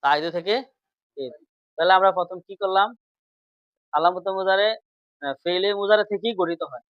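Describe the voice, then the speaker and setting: A man's voice: sits high, normal speed, dry recording, dull audio. A man teaching grammar in class, repeating points and quizzing his students questions.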